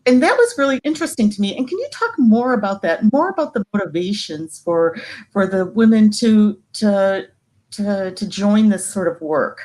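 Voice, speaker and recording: A woman's voice: medium pitch, expressive, moderate pace, darkish tone, rough recording. A woman writer moderating a post-film Q&A, hesitant, with many fillers and repeated words.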